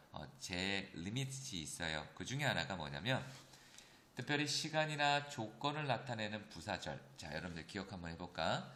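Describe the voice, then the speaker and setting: A man teaching an English grammar lesson, explaining step by step and often checking in with his students. He slows down to read English example sentences aloud. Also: fairly low pitch, bright, forceful tone, echoey room. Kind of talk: recorded classroom lecture.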